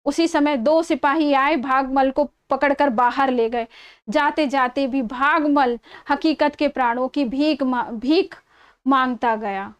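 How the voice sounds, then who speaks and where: Woman reading a bio story slow, high voice, stops to explain words. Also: fairly even intonation. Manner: explains words, repeats verses. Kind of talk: reading a biography aloud.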